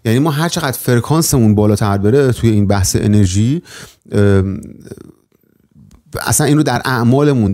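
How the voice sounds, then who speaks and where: Mellow-voiced man giving a spiritual talk. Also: mid-range voice. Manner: thoughtful, many hesitations and restarts. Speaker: spiritual teacher hosting his channel. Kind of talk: casual spiritual lecture.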